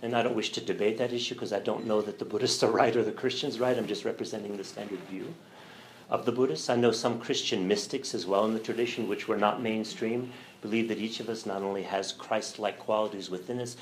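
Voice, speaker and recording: A middle-aged man, a religion professor, giving a relaxed, thoughtful lecture with fillers and a light sense of humor. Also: fairly low pitch, a little fast, a little hiss or hum, low-quality recording. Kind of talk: lecture to a church audience.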